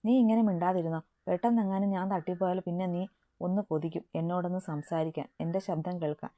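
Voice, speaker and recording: A woman's voice: fairly low pitch, steady tone, fast talker, warm tone, no room sound, clean studio sound, close to an everyday voice. A woman voicing a playful, teasing young man in love from a romance story she reads aloud.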